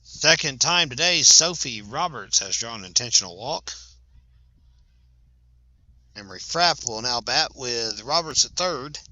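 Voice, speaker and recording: Bright-voiced man calling softball play-by-play. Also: medium pitch, animated, measured pace, pauses often, low-quality recording. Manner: chatty, self-correcting, laughs at big plays. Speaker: play-by-play announcer. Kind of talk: sports commentary. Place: at a high school softball field.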